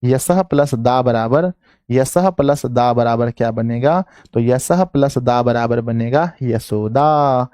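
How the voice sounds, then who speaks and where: A man with a Bihari Hindi accent teaches an exam-prep grammar class online, dictating each phrase slowly and saying it again and again. His voice is mellow and dry, close to the mic. He keeps coaxing his students along. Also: mid-range voice, clean tone, no room sound. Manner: coaxing, calls students "my children".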